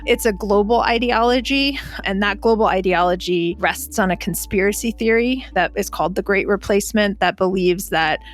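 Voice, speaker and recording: A woman answering as an expert guest in a clear, explanatory way. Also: mid-range voice, normal speed, hardly any pauses, soft background music. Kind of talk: interview answers.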